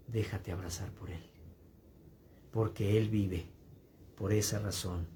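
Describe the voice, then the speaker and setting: A man preaching a sermon as pastor, speaking in a gentle, consoling way with repeated phrases. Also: medium pitch, slight background noise.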